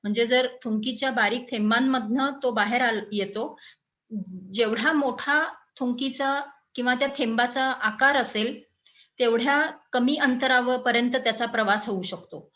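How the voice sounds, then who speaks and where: Higher-voiced woman explaining health facts. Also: steady tone, a bit bright, low-quality recording. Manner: measured teaching tone with frequent hesitation fillers. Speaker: health educator.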